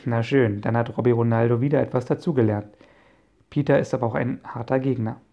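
A man reading a friendly inventor professor in an audiobook, calm and explaining, with a gravelly voice. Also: medium pitch, fairly quick, lo-fi sound, close to an everyday voice. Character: friendly middle-aged male inventor professor. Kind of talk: audiobook character voice.

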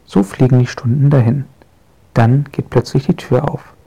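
Children's audiobook narrator, male, gravelly, dark and mellow. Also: medium pitch, normal speed, poor audio. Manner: gentle, lively storytelling. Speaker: storyteller.

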